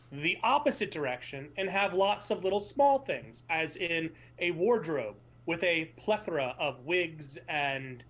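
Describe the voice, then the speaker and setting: A man chatting casually as a tabletop show player, phrasing things in a halting, deliberate way. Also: fairly high pitch, fairly bright tone. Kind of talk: casual chat.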